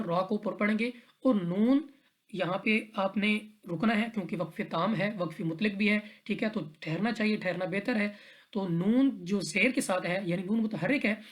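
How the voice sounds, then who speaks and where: A woman teaches Quran recitation rules in a calm, step-by-step way. She goes through each letter and often pauses to check in with her students. Her voice sits at an ordinary middle pitch. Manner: patient, step-by-step, repeats rules and checks in with "theek hai". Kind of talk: tajweed lesson explaining recitation rules.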